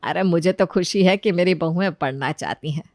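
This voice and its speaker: A woman voicing a stern, sharp-tongued middle-aged mother-in-law in a cartoon story, with a commanding, scolding manner. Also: fairly low pitch, normal speed, dry recording, studio quality, close to an everyday voice. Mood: gentle.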